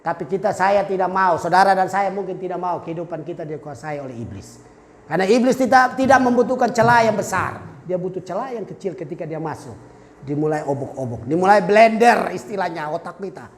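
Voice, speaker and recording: Animated male preacher telling stories. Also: sits high, a little fast, roomy sound, big-room sound. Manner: animated storytelling, acting out dialogue and jokes. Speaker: pastor. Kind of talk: sermon. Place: church.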